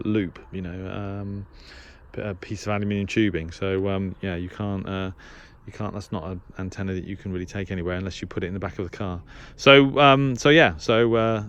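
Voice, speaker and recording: A shortwave radio hobbyist with a low voice delivers a casual, unscripted gear review in a flat tone at normal speed, hesitating and musing aloud. The recording sounds muffled, with a little hiss or hum.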